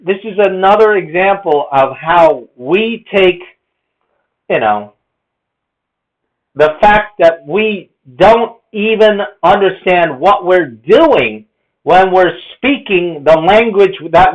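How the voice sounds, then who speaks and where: A man's voice: sits high, lively intonation, slow. A man explaining language and in a rambling lecture, thinking aloud with many fillers. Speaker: language teacher. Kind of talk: casual lecture on accents. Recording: dull lo-fi recording.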